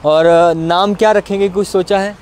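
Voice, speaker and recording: A man's voice: high voice, steady tone, moderate pace, darkish tone, slight background noise. A young man interviewing a guest outdoors, asking formal, courteous questions and offering encouraging remarks.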